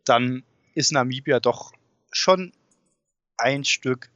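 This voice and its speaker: A man talks casually and with enthusiasm as an interview guest. His pitch is average. The recording is a little dull and muffled. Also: takes it slowly, a bit bright. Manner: enthusiastic, informal. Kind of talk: casual chat. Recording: dull, muffled sound with room echo.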